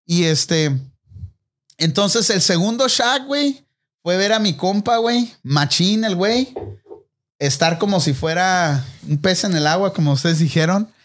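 Slangy young Mexican man, high voice. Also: a little slow. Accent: Mexican Spanish. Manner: slangy, animated, acts out voices in anecdotes. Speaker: podcast host. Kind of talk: casual storytelling among friends.

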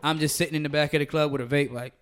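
A man's voice: a little high, steady tone, racing, clean tone. A young man chatting casually with friends in a frat-bro manner, slangy and full of swearing. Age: young adult. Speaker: podcast co-host. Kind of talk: casual chat among friends.

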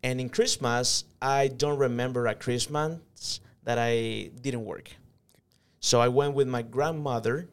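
Earnest man, smooth gravelly voice. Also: medium pitch, fairly even intonation, measured pace. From El Salvador. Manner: earnest, reflective, with hesitant fillers. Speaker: interview guest, company manager. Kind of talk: casual interview storytelling.

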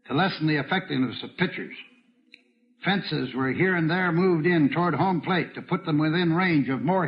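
Male commentator, slightly high voice, measured reading, dull old radio sound. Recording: muffled 1950s radio recording.

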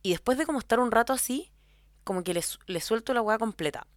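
A woman's voice: a little high, animated, quick pace, no echo. Rambling young Chilean woman, dry sound. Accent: Chilean Spanish. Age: young adult. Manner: rambling, heavy on filler words. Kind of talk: casual storytime monologue.

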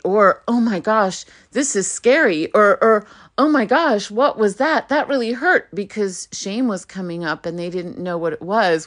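Alone at the mic of her podcast, a middle-aged woman from the United States talks in a mid-range voice, thoughtful and sincere. When she imitates what people have said, she becomes lively and animated.

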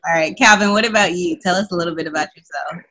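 A woman's voice: lowish voice, quick pace, bright, forceful tone. A young woman co-hosting a podcast, chatting in an upbeat, informal way. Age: young adult. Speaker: podcast co-host. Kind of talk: casual chat.

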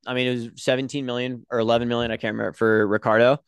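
A young man co-hosting a casual podcast chat, telling animated stories and swearing freely. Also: mid-range voice, rapid-fire, clean tone, no room sound. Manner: animated storyteller, swears freely, acts out quotes. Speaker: podcast co-host.

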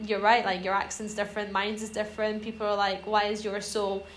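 A woman's voice: medium pitch, little pitch movement, fairly quick. A young woman from Iran chatting casually on a podcast, rambling and hesitant with lots of fillers. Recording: roomy echo, faint noise.

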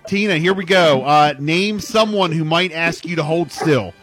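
A man's voice: a little high, moderate pace. A man hosting a live phone-in contest on the radio, repeating answers like a game show announcer. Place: radio studio. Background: music playing.

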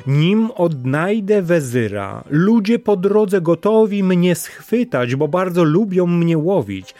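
A cautious, reluctant crab from a storybook, voiced by a man in a raised, higher voice. He drawls hesitantly and slowly, with faint music behind. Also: expressive, dark tone, no room sound.

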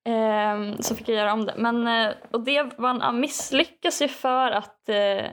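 A woman's voice: on the high side, steady tone. A woman chatting casually, hesitant and self-mocking, with many fillers. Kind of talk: casual comedic chat.

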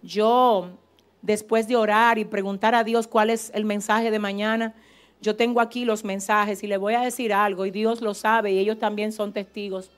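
A woman pastor preaching a fervent, animated sermon in a church service, with asides to the congregation. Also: mid-range voice, normal speed.

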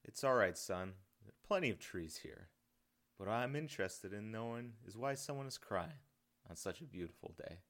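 A man voicing a kindly, thin, balding old man who talks gently and soothingly. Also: lowish voice, expressive, normal speed. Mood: gentle.

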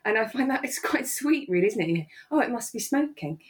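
A podcast co-host with a fairly high, expressive voice talks a little fast in a relaxed, reflective conversation. She thinks out loud with some hesitation and tends to repeat phrases along the way.

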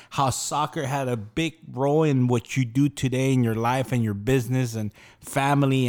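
Male podcast host, casual interview, mid pitch, rambling long-winded questions.

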